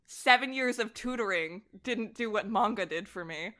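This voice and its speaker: At a moderate pace, this young adult woman speaks in a bright, forceful mid-range voice. A voice actor and director on a podcast, she tells personal stories in casual conversation and acts out what people said.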